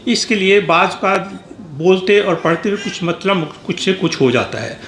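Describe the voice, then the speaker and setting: A man's voice: high voice, expressive, a bit bright. Man giving a formal tribute in an echoey hall. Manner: measured, formal reading with small restarts. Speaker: speaker at a memorial gathering. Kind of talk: formal prepared tribute speech. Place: reception hall at an embassy. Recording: echoey hall with faint background noise.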